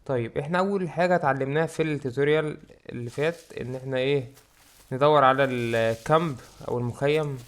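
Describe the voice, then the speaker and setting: Fast-talking Egyptian gamer. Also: male voice, medium pitch. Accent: Egyptian Arabic. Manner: excitable, jokes about his own fear. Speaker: gaming YouTuber. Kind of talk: let's play commentary.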